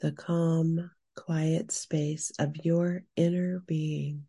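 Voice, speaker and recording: Female meditation guide: hushed spa-style softness, breathy, on the low side, very unhurried. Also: flat delivery. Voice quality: soft, breathy. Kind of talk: slow scripted narration and guided meditation.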